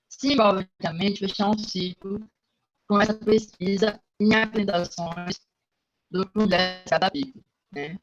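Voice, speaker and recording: A man's voice: sits high, a bit bright, slight background noise. A man speaks through a computer microphone on a video call, his voice cutting in and out as the connection breaks up. The sound is dull and lo-fi. He talks formally and hesitantly, with many fillers and restarts. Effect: choppy internet audio cutting out. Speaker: conference presenter of his master's dissertation.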